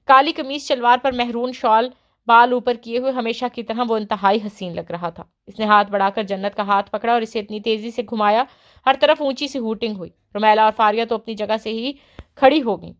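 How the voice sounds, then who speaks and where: A woman narrates a novel for an audiobook with an expressive storytelling delivery. Her voice sits slightly high.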